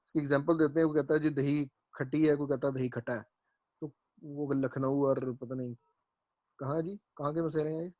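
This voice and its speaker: A man with a somewhat high voice leads a grammar class, explaining each rule patiently and repeating himself so nobody falls behind. He keeps asking whether it is clear before moving on. The recording is close and dry, with almost no room sound. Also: steady tone, darkish tone, no room sound. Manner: explanatory, repeats points and checks understanding. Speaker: Arabic grammar teacher. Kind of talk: classroom lecture.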